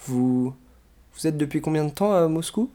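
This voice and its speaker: A man reading the part of a flustered, nervous man who humors a stranger, agitated and ingratiating, in a warm low-toned voice. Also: normal speed, close to an everyday voice.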